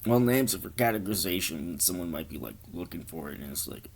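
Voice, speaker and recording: A man's voice: sits low, lively intonation, quick pace, gravelly, slight background noise. A man rambling through a crude improvised comedy story, joking at his own expense. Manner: rambling, crude, self-deprecating.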